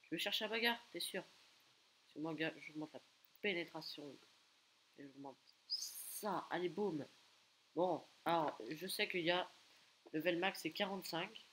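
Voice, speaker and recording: A man rattles off live gameplay commentary at his computer, excitable and loud in bursts. He taunts the players around him and lets off strings of repeated exclamations. The line carries a faint hiss underneath. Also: on the high side, measured pace, pauses often, poor audio. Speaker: gaming video creator.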